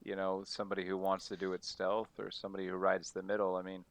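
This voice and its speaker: A man's voice: low voice, completely flat delivery, fast talker, no echo. A man co-hosting a livestream, chatting casually and thinking aloud. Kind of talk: casual chat.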